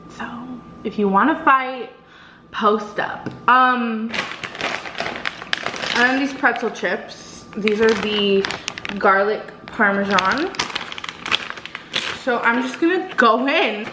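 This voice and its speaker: A chatty woman talks casually to her vlog audience and laughs often. Her voice sits fairly high. It was recorded in an echoey space with loud noise behind her. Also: slow pace, pauses often. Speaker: vlogger.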